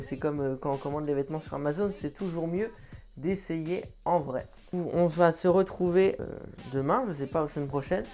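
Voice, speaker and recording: A man from France chats to his viewers from home in a loose, joking vlog. He sounds offhand and playful. Soft music plays faintly behind him. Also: a little high. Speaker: vlogger. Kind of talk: casual vlog chat. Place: at home indoors.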